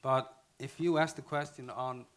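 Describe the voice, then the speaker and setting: A man with an Icelandic accent gives a conference talk in English, his mid-range voice fairly bright and fairly even in intonation. He speaks haltingly, often restarting phrases and correcting himself.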